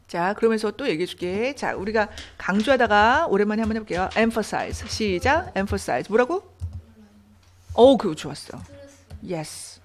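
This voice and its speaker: A woman teaching an English reading lesson, her pitch rising and falling in a lively, animated way. She walks through grammar step by step and keeps asking her students questions. Her voice sits in an ordinary middle register. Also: normal speed.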